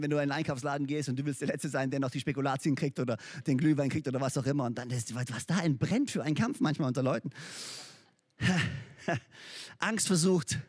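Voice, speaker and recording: A man preaching a sermon as a pastor, lively and emphatic, talking straight to his listeners in a conversational way with English words mixed in. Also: a little high, no echo. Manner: conversational, speaks directly to listeners.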